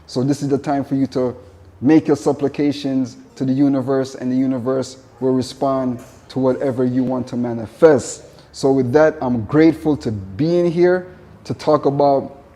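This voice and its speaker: A Jamaican man with a dark, mid-range voice and a Jamaican accent works as a vegan chef and gives a casual spoken presentation. He is earnest, repeats his points, and adds spiritual asides.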